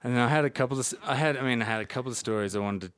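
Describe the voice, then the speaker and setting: A man's voice: mid-range voice, rapid-fire, fairly bright tone, clear, resonant tone, no echo. An Australian man chatting casually as a podcast guest, dry and laconic, with blokey Aussie slang. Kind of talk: casual comedic chat.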